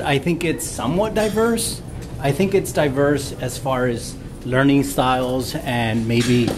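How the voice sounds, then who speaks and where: A man's voice: medium pitch, background noise. A middle-aged man from Mexico, a teacher, answering interview questions thoughtfully with some hesitation in a school hallway.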